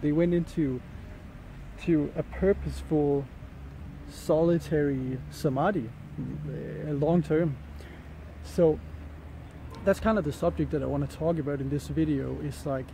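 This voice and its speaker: Mellow, slightly sick man musing outdoors. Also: fairly high pitch, low-quality recording. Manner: musing, halting, searching for words. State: a bit sick with an ear infection. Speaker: vlogger. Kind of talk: casual rambling talk to camera while walking outdoors. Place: outdoors in jungle, light rain. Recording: outdoor ambient noise. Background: faint outdoor ambience.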